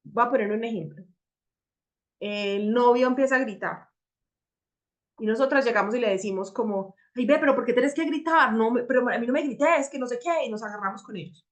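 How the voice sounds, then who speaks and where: A woman teaching a personal growth workshop, talking reflectively and often checking in with her listeners. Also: mid-range voice. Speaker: workshop facilitator.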